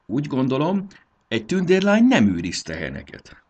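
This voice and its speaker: A man's voice: mid-range voice, wildly swooping pitch, darkish tone, voice pushed up. A man reading a storybook aloud and voicing a feisty little fairy girl who is pert and sulky. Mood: indignant.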